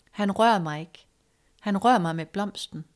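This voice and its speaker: A woman calmly telling a personal story in a casual conversation, reflective and hesitant, with fillers and soft, hushed stretches. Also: mid-range voice. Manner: reflective, hesitant with fillers, drops to soft near-whisper at moments.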